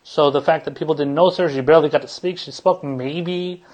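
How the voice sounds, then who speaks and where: A man's voice: on the high side, steady tone, brisk, darkish tone, muffled recording. A man hosting a political commentary podcast, talking in a rambling way with many restarts, fillers and casual swearing. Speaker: podcast host.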